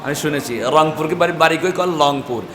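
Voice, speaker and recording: This man's voice is fairly high and a bit bright, and he speaks at a moderate pace. He's leading a classroom tajweed lesson in a big, echoey madrasa room, questioning students repeatedly and having them chant syllables again and again. Noise from the class and the hall's echo fill the recording.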